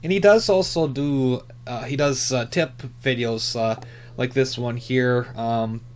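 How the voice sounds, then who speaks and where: Rambling through unscripted commentary, this hobbyist channel host keeps stopping to correct himself in a casual, halting way. He speaks at a medium pitch, and a slight hiss or hum sits under the audio.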